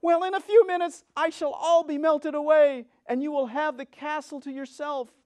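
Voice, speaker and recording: A man voicing a cunning, cruel old wicked witch in a storybook reading, with screechy wails and loud, drawn-out theatrical cries. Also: very high-pitched, steady tone, no echo, pitched above the performer's own voice. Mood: wailing, desperate. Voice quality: wailing, screechy.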